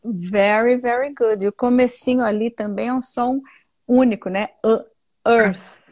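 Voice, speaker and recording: A woman's voice: on the high side, fairly even intonation, unhurried, warm tone, dry recording. A woman with a Brazilian accent hosting a casual live English lesson, chatting with viewers and mixing English words into her Portuguese.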